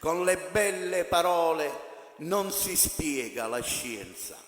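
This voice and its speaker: Man, slightly high voice, formal recital of maxims, long reverb. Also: animated, slow, a bit bright. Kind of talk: reciting sayings in formal Italian. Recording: echoey hall, noisy.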